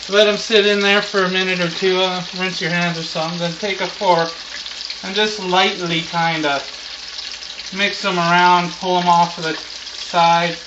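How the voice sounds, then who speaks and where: A man's voice: flat delivery, a little slow. A man in his thirties chatting casually as host of a home cooking vlog, in a loose, rambling, laid-back stoner manner. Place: home kitchen, indoors. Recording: roomy, muffled camera audio with frying noise. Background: sizzling deep fryer.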